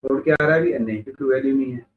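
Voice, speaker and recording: Racing along in a medium-pitched voice, a male instructor lectures step by step, punctuated by rhetorical questions. The classroom echoes, the phone-like mic is distant, and a faint hiss or hum runs underneath.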